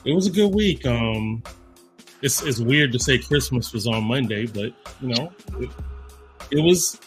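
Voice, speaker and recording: A man co-hosting a podcast, talking in a relaxed, agreeable way and often answering with short affirmations. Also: medium pitch, measured pace, faint music behind. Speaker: podcast co-host. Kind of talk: casual chat.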